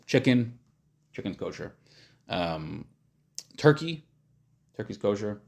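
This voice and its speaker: A man's voice: on the low side, big pitch swings, slow pace, creaky. A man teaching an informal religious class. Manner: hesitant, searching for words, thinking aloud; casual, plain-spoken, simplifying. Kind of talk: informal religious lesson, explaining.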